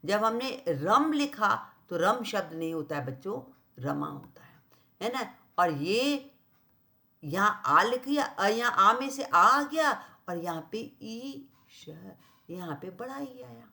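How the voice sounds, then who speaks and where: A woman's voice: medium pitch, expressive, pushed and bright. A woman teacher explaining grammar to children at the board, spelling out each word and often asking if they follow. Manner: keeps checking understanding with "clear?" and "right?"; repeats and spells out words slowly while writing. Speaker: school teacher. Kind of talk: blackboard grammar lesson for children.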